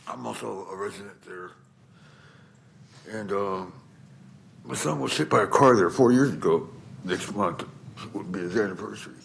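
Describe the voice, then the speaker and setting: A man's voice: on the low side, normal speed, gravelly, pauses often, a little hiss or hum, rough recording. A middle-aged man giving unscripted personal testimony as a commenter at a public meeting. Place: council chamber at public microphone.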